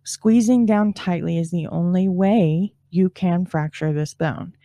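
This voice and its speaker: A woman with a lowish, dark and relaxed voice narrates true crime like a suspenseful crime show. Her phrasing is deliberate and grave, with dramatic pauses. The sound is close and very dry. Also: no echo. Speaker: true crime podcast host. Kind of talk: true crime narration, partly scripted with spoken asides.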